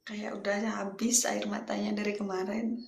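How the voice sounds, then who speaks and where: Gravelly flat-voiced woman caller in echoey room. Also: medium pitch, normal speed, slight background noise. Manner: quiet, subdued questions. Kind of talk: live stream call-in.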